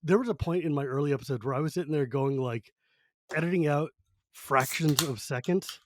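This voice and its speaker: A man's voice: a little high, brisk, noisy background. A man hosting a podcast in a chatty, wry, casual style, often restarting his thoughts. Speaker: podcast host. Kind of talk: casual chat.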